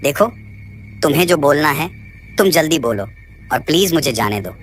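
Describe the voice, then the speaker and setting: A man's voice: fairly high pitch, animated, moderate pace, a bit bright, soft background music. A man voicing a frightened young man. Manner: frightened, pleading. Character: frightened young man visiting a haunted ruin. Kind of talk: storybook narration.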